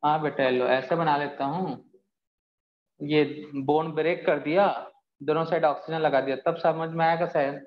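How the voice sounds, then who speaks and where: A man's voice: fairly high pitch, steady tone, moderate pace. A man teaching a chemistry class, patient and explaining step by step while answering students' doubts. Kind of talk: live online class. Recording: echoey, dull lo-fi sound.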